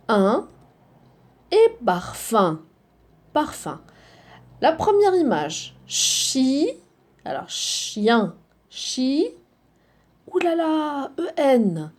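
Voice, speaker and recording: A woman's voice: high-pitched, darkish tone. A woman teacher giving a phonics lesson to children, spelling out letters, repeating each word and often checking in with the kids.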